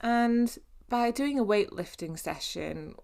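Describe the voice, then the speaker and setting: A woman's voice: on the high side, expressive, slow, creaky, a little mellow. A woman fitness coach talks through a podcast episode in a casual, encouraging way, with many fillers and restarts. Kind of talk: podcast monologue.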